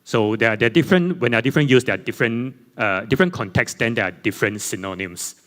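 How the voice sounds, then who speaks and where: In a conference hall with long reverb, a man presents slides on a panel, speaking English as a native Chinese speaker. His mid-range, fairly bright voice comes out haltingly, packed with fillers and self-corrections.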